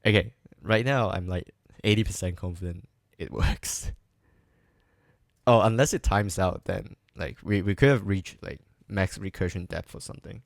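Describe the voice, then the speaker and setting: A coding streamer with a low, gravelly voice thinks aloud through a coding problem while live coding, at an unhurried pace. He hesitates often, full of ums and restarts, and pokes gentle fun at his own mistakes. The recording is dry, with no room sound or echo.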